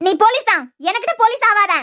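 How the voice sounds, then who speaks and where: A woman's voice: extremely high pitch, quick pace, pushed and bright. A woman voicing a harsh, accusing middle-aged mother-in-law in a cartoon serial, with a Kanyakumari Tamil accent. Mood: scolding.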